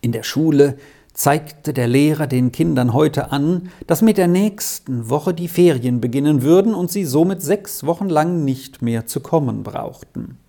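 A man narrating a children's story in a calm, measured reading. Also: a little high, gravelly. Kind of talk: audiobook narration.

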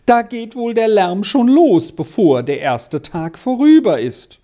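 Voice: mid-range voice, big pitch swings, measured pace, mellow. A reader voicing an anxious, sighing mother in a storybook reading. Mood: alarmed. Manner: sighing, fretful. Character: worried mother, gentle and anxious.

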